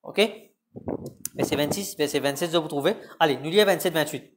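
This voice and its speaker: A man's voice: on the high side, a little fast. A male pastor, preaching a sermon and often calling out praise to God and amen. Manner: preaching with repeated calls of "Gloire à Dieu" and "Amen".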